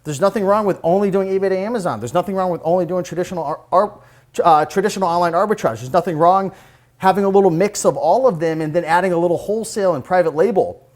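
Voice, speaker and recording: A man giving casual advice in a vlog, a bit out of breath as he walks on a treadmill and talks in an energetic, chatty way. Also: sits high, fast. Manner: conversational, repeats "like" and "you gotta". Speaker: online reselling vlogger.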